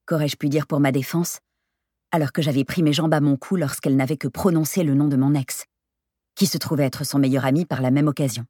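A woman narrating a first-person story in an audiobook reading, steady and expressive. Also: low voice, a little fast, no echo, clean studio sound.

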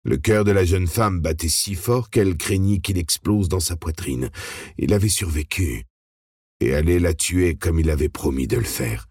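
A male audiobook narrator with an extremely deep, husky voice reads in a steady, dramatic way. The recording is dry and close-miked, with no room sound. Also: moderate pace, no room sound. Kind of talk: scripted narration.

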